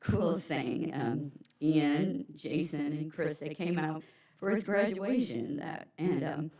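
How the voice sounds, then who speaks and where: A woman's voice: low-pitched, slow pace, warm tone. A middle-aged woman giving a chatty, rambling memorial speech full of ums and personal stories. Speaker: eulogy speaker, friend's mother. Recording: echoey hall, mic far off.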